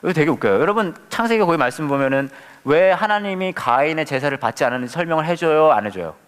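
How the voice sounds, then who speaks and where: A man's voice: on the high side, expressive, fast talker, clear, resonant tone, long reverb tail. A man who is a pastor, leading a casual Bible study, playful and full of questions for the audience. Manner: playful, asks the audience many questions, acts out quotes with humor.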